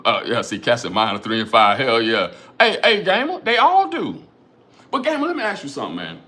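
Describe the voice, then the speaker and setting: A middle-aged man talking straight to his livestream audience, lively and loose, with plenty of swearing. His voice sits at a middle pitch but swings up and down a lot as he presses his points. He keeps circling back to the same phrases and calls on viewers by name. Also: fairly quick. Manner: animated, profane, rhetorical, keeps addressing chat viewers by name; repeats phrases and asks "you know what I'm saying". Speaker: livestream host reading chat. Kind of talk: casual livestream talk.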